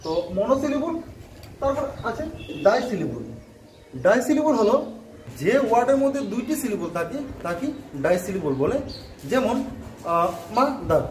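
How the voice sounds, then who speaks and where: A man teaching a grammar lesson to students, explaining patiently, repeating points and often pausing with fillers and asking if they follow. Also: extremely high pitch. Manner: repetitive, frequent filler "ah", checks "okay?". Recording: roomy, distant mic, faint background noise.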